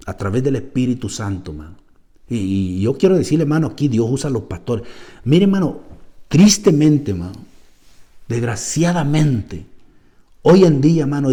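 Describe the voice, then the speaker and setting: Male pastor, church sermon, lively pitch swings, warm tone, dips quiet for emphasis. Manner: emphatic, keeps addressing listeners as "hermano"; drops to a low, quiet voice for stress, then rises.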